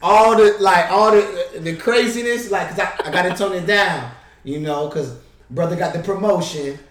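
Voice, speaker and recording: A man with a somewhat high voice chats on a podcast with animated, playful energy, full of slang and acted-out asides. He sounds a little distant from the mic. The room around him echoes noticeably. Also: moderate pace. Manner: animated, playful, slangy, acts out bench banter. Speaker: podcast co-host, assistant basketball coach. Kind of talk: casual podcast chat.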